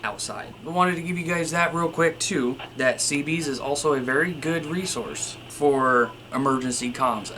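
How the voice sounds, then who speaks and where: Showing off radio equipment to his audience, a male video host keeps it informal and chatty, often addressing viewers as "you guys." His medium-pitched voice is a bit bright, and there's a slight hiss or hum.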